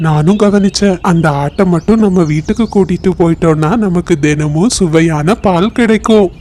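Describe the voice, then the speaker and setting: A woman voicing a scheming male crow in a cartoon, speaking in a sly, gruff way. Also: fairly low pitch, normal speed, dark tone, close to an everyday voice. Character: scheming male crow eyeing a goat's milk.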